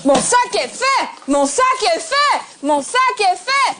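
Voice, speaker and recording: A man with a squeaky sped-up chipmunk voice. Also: big pitch swings, slow pace, sharp tone, exaggerated voice. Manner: squeaky repeated exclamation. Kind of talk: casual vlog edit gag.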